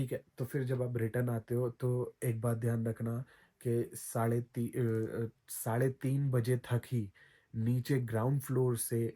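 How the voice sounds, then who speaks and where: Man, travel vlogger, chatty, self-correcting, mellow dark voice, flat intonation. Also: medium pitch. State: throat recovering from soreness. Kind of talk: casual travel advice to camera.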